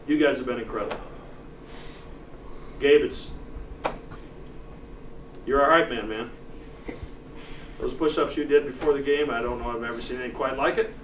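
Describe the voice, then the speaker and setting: An American man, a college team coach, giving an earnest, deliberate pep speech to his players in the locker room, pausing for emphasis. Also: mid-range voice. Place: locker room, heard from a distance. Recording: echoey distant room recording with loud noise.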